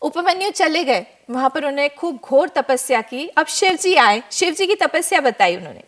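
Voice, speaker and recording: A woman spiritual teacher, a guest expert in a TV studio, giving a devotional talk as an animated storyteller. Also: sits high, moderate pace. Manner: animated storyteller, acts out characters.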